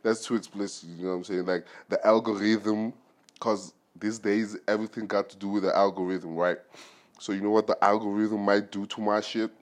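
A man with a fairly low voice hosts a podcast on his own and talks straight to the listener. He rambles and jokes, and his speech is loose and full of slang. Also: level tone, a little fast. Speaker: podcast host. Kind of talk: casual solo podcast monologue.

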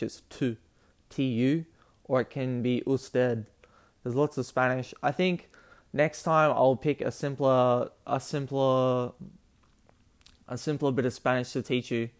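A man hosting a casual solo podcast, rambling and restarting his sentences as he explains things. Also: mid-range voice. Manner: rambling, restarts often, flat delivery. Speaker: podcast host.

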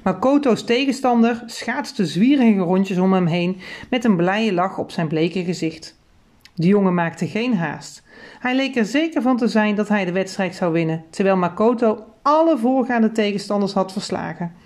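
A woman reading children's books aloud as an audiobook reader, telling the story clearly and evenly with lively emphasis. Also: mid-range voice, normal speed.

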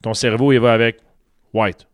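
A man with a Québécois French accent spins a long, animated story among friends, slipping English words in as he goes. His voice is smooth and clear. The sound is dry and close, with little room tone. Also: mid-range voice, normal speed, no room sound. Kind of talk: casual storytelling chat.

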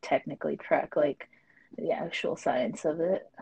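Young woman podcast co-host, low husky voice, loose filler-heavy chat. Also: unhurried, warm tone, rough recording. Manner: rambling, filler-heavy, frequent laughter. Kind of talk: casual chat.

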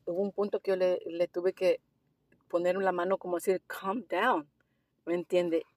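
A woman who works as a driving instructor, telling a story in a casual interview, animated and slipping English phrases into her Spanish. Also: lowish voice, normal speed, dry recording.

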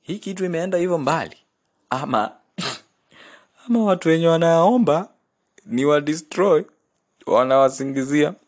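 A man's voice: on the high side, normal speed, long pauses, a little mellow, pitched above the performer's own voice, lightly acted. A man voicing God as a playful, patient divine figure in a sermon, mixing Swahili and English. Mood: incredulous. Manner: mixes East African Swahili and English, exclaiming. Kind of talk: sermon storytelling.

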